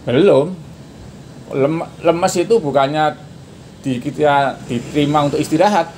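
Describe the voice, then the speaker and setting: A man in his sixties, a podcast guest, talking casually and shouting out drill counts now and then. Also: fairly high pitch, measured pace. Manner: shouts out karate counts when demonstrating. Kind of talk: casual interview. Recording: noisy background.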